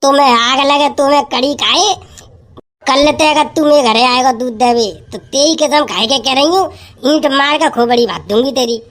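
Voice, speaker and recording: Woman, high-pitched, loud scolding comic banter. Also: normal speed. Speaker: comedy sketch performer. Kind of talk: rustic village comedy sketch, playing several roles.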